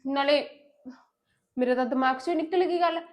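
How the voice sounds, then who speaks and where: A young woman playing a lazy, sharp-tongued young wife who bickers and defies her family in a village family drama. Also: high-pitched, moderate pace, close to an everyday voice. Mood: defiant. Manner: defiant, bickering.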